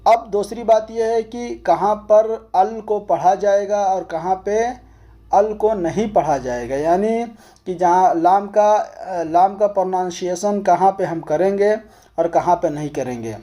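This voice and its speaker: Bright, high-voiced Urdu-speaking man teaching. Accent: Pakistani Urdu. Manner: patient, explains step by step, repeats and spells out letters. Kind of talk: recorded language lesson.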